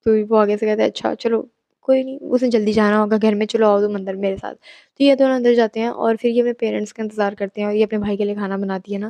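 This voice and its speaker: A woman's voice: medium pitch, warm tone, dry recording. A young woman casually telling a horror story, chatty and mixing in English asides. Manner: chatty, mixes English asides, exclaims at the listener.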